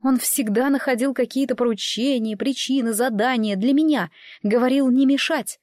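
A woman's voice: sits high, moderate pace, darkish tone, no echo, studio quality, lightly acted. A woman reading an audiobook, voicing a protective, firm older sister. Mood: worried.

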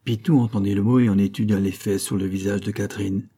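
Low husky guy narrating an old novel, steady and measured, dark tone. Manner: measured, literary reading. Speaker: audiobook narrator. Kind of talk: scripted narration.

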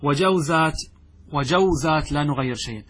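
A man gives a grammar lesson in a husky, slightly high voice. He stretches out each example word and then turns to the class with a quick question, which he answers himself. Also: a bit bright. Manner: asks and answers his own questions; repeats example words slowly. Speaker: teacher of Arabic grammar. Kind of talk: classroom lecture.

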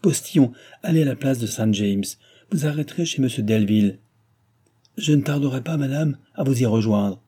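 A man reading aloud, voicing a jealous, agitated young gentleman who speaks tensely and curtly. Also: mid-range voice, moderate pace, husky, pitched above the performer's own voice, close to an everyday voice. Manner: tense, suspicious and curt.

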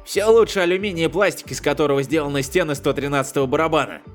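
A man's voice: on the high side, very fast, soft background music, voice pushed up, close to an everyday voice. A man reading an audiobook, voicing a lucky but cowardly male space hunter who squeals and wails. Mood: excited. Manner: squealing, wailing.

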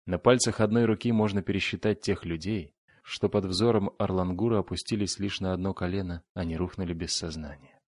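A man narrating a fantasy audiobook in a steady, dramatic reading on a close studio mic. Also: deep voice, fairly quick, no room sound. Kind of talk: scripted narration.

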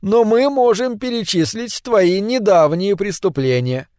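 A man voicing a calm, stern male forest gnome who speaks in a measured way. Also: high voice, no room sound, studio quality, pitched above the performer's own voice.

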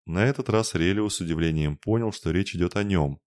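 A man reading an audiobook in an even, measured way. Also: deep voice, no echo, clean studio sound. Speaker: audiobook reader. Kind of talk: audiobook narration.

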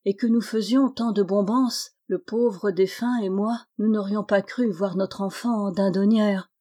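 A woman's voice: mid-range voice, steady tone, measured pace, dark tone, lightly acted. A widowed queen from a storybook laments in a sad, sighing voice, as a woman reading the tale puts her on. She speaks with old-fashioned dignity. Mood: sorrowful. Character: grieving widowed queen, sorrowful.

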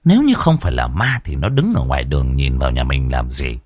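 A man narrating a ghost story in a lively, dramatic storytelling manner. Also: very deep voice, brisk, no echo, clean studio sound.

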